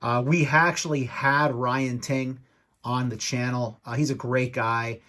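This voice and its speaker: A man in an annoyed, rambling rant to camera, speaking off the cuff, halting and repeating himself as he vents. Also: medium pitch, steady tone, sharp tone. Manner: annoyed, ticked-off venting. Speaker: YouTube toy collector and podcast co-host.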